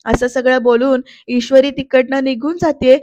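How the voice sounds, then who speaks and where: A woman's voice: sits high, little pitch movement, moderate pace, darkish tone, no echo, dull audio. A woman narrating a voice-over episode recap in a chatty way, speaking directly to viewers. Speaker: serial episode reviewer. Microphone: close voice-over mic.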